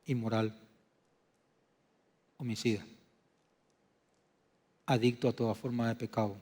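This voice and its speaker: A man preaching a sermon as pastor, dropping to a hushed, low delivery and then rising to loud, emphatic declarations. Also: flat delivery, measured pace, husky. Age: adult. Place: church sanctuary. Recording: long reverb of a church hall.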